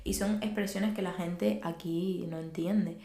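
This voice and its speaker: A young Cuban woman with a fairly low voice speaks a little slowly as a podcast guest in casual chat. An animated storyteller, she acts out quoted dialogue, and the recording has a roomy echo.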